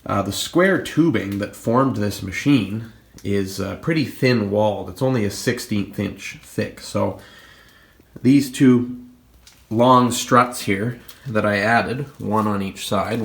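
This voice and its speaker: A man with a low, gravelly, congested voice, sick with a cold, speaks at a slow pace. He hosts a fitness channel and is casually showing his home gym equipment, plainly explaining and pointing things out.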